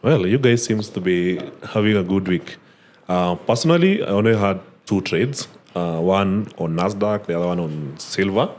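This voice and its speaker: Low-voiced man hosting a podcast. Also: moderate pace. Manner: relaxed, frequent "uh" fillers and "awesome". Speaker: podcast host. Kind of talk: casual podcast interview.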